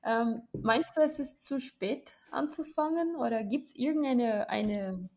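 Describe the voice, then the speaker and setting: A woman's voice: fairly high pitch, measured pace, a little mellow. A woman interviewing a guest in a casual podcast, asking curious, friendly questions with hesitant fillers.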